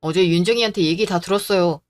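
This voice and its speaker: A woman voicing a gentle, earnest young man in a drama, speaking apologetically to his fiancée. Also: lowish voice, fast talker, soft background music, pitched below the performer's own voice, lightly acted. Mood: reproachful. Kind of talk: Korean audio drama acting.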